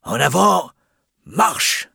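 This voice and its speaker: An actor playing a calm, firm old street showman in an audiobook, measured and coaxing in a husky voice. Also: medium pitch, no room sound, clean studio sound, heavily acted. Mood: businesslike. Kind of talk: audiobook character voice.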